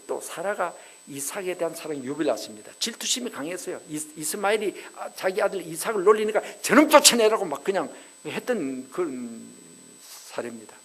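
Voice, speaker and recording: Animated male pastor preaching. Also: on the high side, a little fast, breathy edge, poor audio. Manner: animated storytelling with rhetorical questions to the congregation. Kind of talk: revival sermon. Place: church sanctuary.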